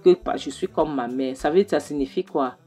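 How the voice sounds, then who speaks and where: A woman's voice: deep voice, fairly quick, dark tone, husky, faint music behind. A woman voicing a defiant young daughter. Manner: indignant, repeating herself. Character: angry young daughter defending her mother.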